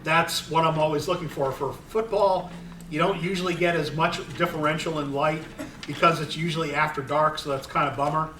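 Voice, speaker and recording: A middle-aged sports photographer giving a casual talk to an audience, rambling with many fillers and restarts. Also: male voice, a little high, steady tone, brisk, noisy background. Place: room with an audience. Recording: roomy, distant recording.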